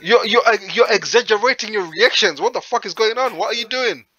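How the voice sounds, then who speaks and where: A man's voice: high-pitched, fairly quick, sharp tone, dull audio. A young man from Zimbabwe on a headset in a small room, teasing a stranger in casual video chat, stammering and swearing often.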